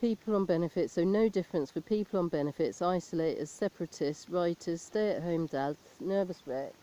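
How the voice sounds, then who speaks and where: A woman performing a deadpan comic monologue as a stand-up comedian, reeling off lists of jokes in a dry, flat delivery. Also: fairly low pitch, brisk, a little hiss or hum, rough recording. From abroad, not England. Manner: deadpan list-making delivery.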